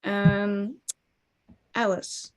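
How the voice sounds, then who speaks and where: Flat-voiced woman from South Australia. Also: medium pitch, drawn-out words, clear, resonant tone. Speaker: front-end developer. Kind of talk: self-introduction on a video call. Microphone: video call.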